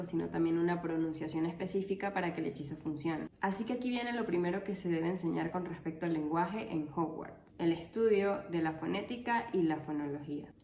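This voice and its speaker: Lower-pitched woman explaining, roomy. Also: slight background noise. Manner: explanatory with dry, deadpan jokes. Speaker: linguistics educator. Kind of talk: casual educational video.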